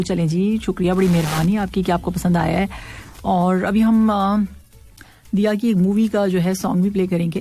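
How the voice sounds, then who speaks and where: Playful woman radio host, mellow voice. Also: lowish voice. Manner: laughs often while reading messages and poetry, playful. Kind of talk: casual radio chat reading listener messages.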